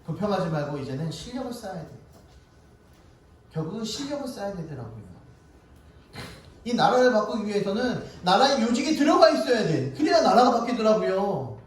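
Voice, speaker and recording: Male pastor, animated storyteller, slightly high voice, booming church echo. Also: fairly quick. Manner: animated storytelling with a laugh in his voice. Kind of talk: sermon. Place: church sanctuary. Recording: echoey church hall from far off, faint noise.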